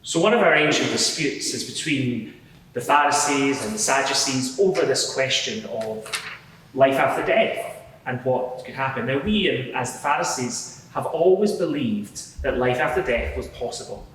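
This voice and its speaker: In a big reverberant hall, heard from a distance, a man plays an earnest converted Pharisee on the witness stand. He explains his change of heart in a halting, sincere way, at a middling pitch. It is live courtroom drama with faint noise. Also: expressive, a bit bright, lightly acted. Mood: earnest, reflective. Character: Rabbi Paul, earnest converted Pharisee giving testimony. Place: large reverberant courtroom before a live gathering.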